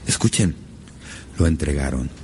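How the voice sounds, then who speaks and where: A man preaching a sermon as a pastor, lively and emphatic, with sudden rises on key words. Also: a bass voice, unhurried, a little hiss or hum.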